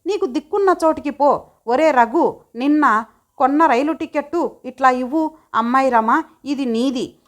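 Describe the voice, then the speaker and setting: A woman's voice: high-pitched, moderate pace, lightly acted. Woman voicing a stern older husband. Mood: commanding. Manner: curt, scolding orders. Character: stern older husband and father-in-law, commanding.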